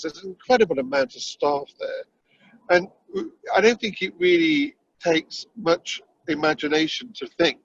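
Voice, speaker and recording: Guy calling in from a car, gravelly, slightly high voice, earnest, lots of fillers. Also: a bit bright, slight background noise. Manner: earnest, many fillers and restarts. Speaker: election candidate on a panel. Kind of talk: earnest political discussion. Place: back seat of a car being driven. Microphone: phone or call audio. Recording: muffled lo-fi call audio from a car.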